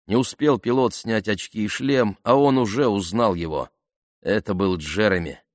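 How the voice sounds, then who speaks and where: Low-voiced male audiobook narrator. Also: moderate pace, no room sound, studio quality.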